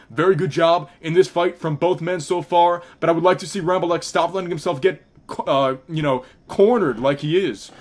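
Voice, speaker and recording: A young man giving live, excitable play-by-play commentary on a fight, with frequent restarts and fillers. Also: on the high side.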